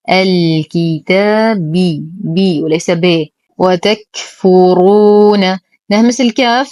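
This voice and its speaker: A woman teaching Quran recitation rules, explaining each word carefully and then reciting it slowly and precisely. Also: medium pitch, darkish tone, dry recording. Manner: careful, precise, slow drawn-out recitation of examples.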